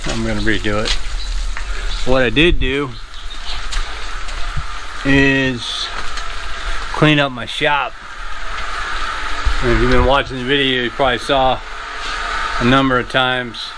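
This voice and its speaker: A man narrates a homemade vlog in a casual, rambling way, at an average pitch. He drifts through offhand asides while loud outdoor noise and wind on the action-camera mic crowd his voice. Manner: offhand, unscripted, trailing asides. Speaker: vlogger. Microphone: action camera with external mic and fuzzy windscreen.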